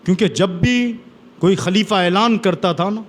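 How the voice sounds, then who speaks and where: A man preaching a sermon, retelling old stories with dramatic, repetitive emphasis. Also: high voice. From India. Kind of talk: sermon storytelling.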